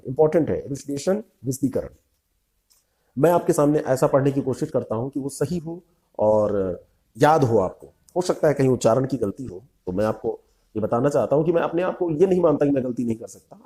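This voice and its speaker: A man with a deep, very mellow, dark voice teaches vocabulary for an exam. He reads each English term, gives its meaning and repeats it, with short asides for his students. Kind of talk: vocabulary lesson.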